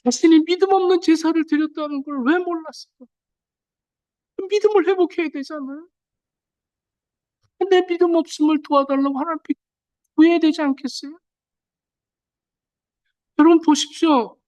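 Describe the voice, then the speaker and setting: A middle-aged man preaching a sermon in an animated way, acting out the words of the people he quotes. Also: very high voice, normal speed, long pauses, dry recording. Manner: animated, acts out quoted speech in changed voices. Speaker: pastor.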